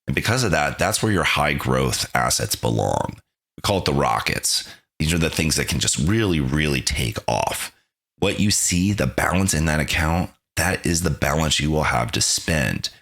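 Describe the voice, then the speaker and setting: A man's voice: a bass voice, expressive, moderate pace, creaky, a bit bright. A man hosting a podcast, thanking his guest and then recapping the lessons in a reflective, conversational way. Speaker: podcast host. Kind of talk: podcast interview and narrated recap.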